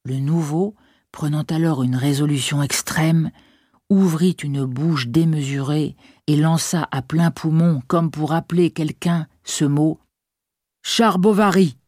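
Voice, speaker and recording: A reader narrating a classic novel as an audiobook in a measured, expressive literary style. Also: medium pitch, breathy edge, no room sound, studio quality.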